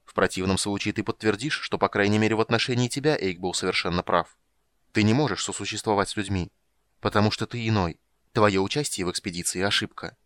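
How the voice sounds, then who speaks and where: A man's voice: fairly low pitch, fast, a bit bright, no echo, lightly acted. A man reading the lines of a cold, curt female sorceress in a storybook reading. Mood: cold reproach. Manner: curt, commanding.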